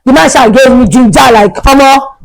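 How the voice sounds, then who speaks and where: A young woman telling a storytime vlog in an animated, dramatic way, her pitch jumping suddenly. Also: brisk, low-quality recording. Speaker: vlogger.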